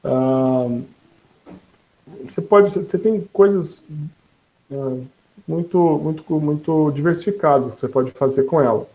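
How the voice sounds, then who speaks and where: Chatty man with a mellow voice. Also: on the high side, measured pace, pauses often, rough recording. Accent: Brazilian Portuguese. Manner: relaxed, chatty, laughs and self-corrects. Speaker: instructor demonstrating a voice assistant. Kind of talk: casual online lesson.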